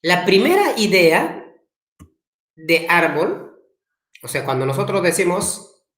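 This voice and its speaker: A man teaching an online language class, repeating his questions slowly and coaxing students to answer in the chat. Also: sits high, very animated, a bit bright. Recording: echoey room.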